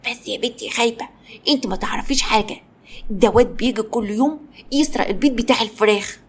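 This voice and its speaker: A gruff old grandmother scolding in an Egyptian accent, as a woman storyteller acts her out. She is forgetful but sharp-tongued. Her talk comes fast. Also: fairly high pitch.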